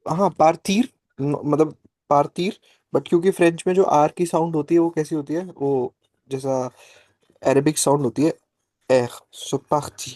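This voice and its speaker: A man's voice: a little high, fairly even intonation, mellow, no room sound. A man teaching a French class over a video call, explaining patiently and checking in with his students often. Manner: slow, patient explaining with frequent "ठीक है" checks. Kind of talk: live online class, Hindi-English mix.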